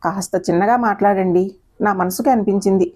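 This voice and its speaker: A woman voicing a gentle older mother who speaks softly and tries to persuade in an audio story. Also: medium pitch, steady tone, fairly quick, lightly acted. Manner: soft, coaxing.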